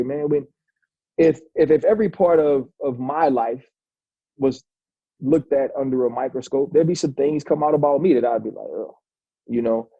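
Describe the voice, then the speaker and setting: A former football player in his forties tells a long personal story in a casual interview, speaking loosely, restarting often, and calling the host "bro." His medium-pitched voice is warm and slightly rough. There is no room sound, and the highs are cut off.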